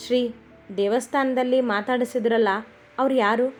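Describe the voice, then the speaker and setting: A woman reading the lines of an eager, possessive young wife who asks quick questions. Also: fairly high pitch, fairly even intonation, soft background music, natural voice.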